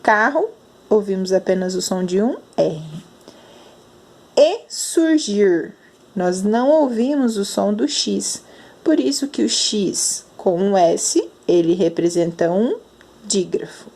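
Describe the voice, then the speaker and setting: A young Brazilian woman teaching a grammar lesson to children, sounding out words slowly and clearly. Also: medium pitch, animated, a little mellow. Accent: Brazilian Portuguese. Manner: slow, drawn-out enunciation of sounds. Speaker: primary school teacher.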